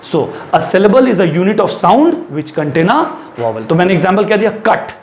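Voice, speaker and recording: A man teaching an English lesson in Hindi mixed with English, asking the class questions and answering them himself, and repeating rules slowly as he writes them out. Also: high voice, big pitch swings. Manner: repeats and dictates slowly while writing. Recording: echoey room with faint ambient noise.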